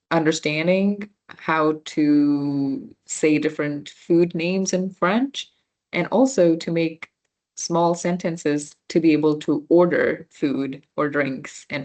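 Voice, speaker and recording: Slow-talking young woman teaching beginner French. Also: low voice. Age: young adult. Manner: slow, explanatory, frequent fillers and restarts. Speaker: volunteer French workshop instructor. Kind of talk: slide-based beginner language lesson.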